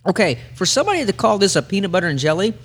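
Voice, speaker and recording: A man's voice: high voice, sing-song, rapid-fire, fairly bright tone, slightly rough. A man hosting a casual podcast in an easygoing way, steering the talk with many fillers. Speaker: podcast host.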